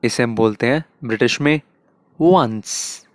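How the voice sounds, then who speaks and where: A man teaches English pronunciation, drawing out each word at a very slow, deliberate pace. He repeats the words several times to model the sounds. His voice sits at a medium pitch and is recorded close and dry. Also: dry recording. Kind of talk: casual explanatory lesson.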